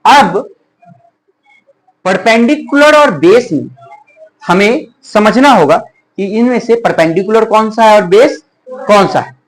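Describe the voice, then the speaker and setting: During a classroom math lesson, a teacher with a mid-range, expressive voice drills pupils with repeated questions, speaking slowly and pausing often. Using call-and-response, the teacher repeats each answer back and calls the pupils children and dear. The recording quality is low.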